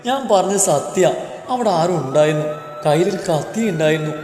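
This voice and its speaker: A man voicing a feisty, sharp-tongued young bride in a storybook reading, answering back with defiant, mocking retorts. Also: fairly high pitch, animated, fairly quick, lightly acted. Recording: echoey room with long reverb, faint music.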